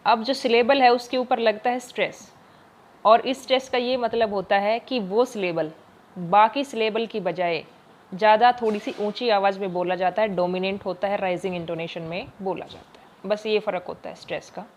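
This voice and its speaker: A woman teacher giving an exam-focused lesson, explaining patiently, mixing in English terms and slowly stretching out each example word. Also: medium pitch, steady tone, slight background noise.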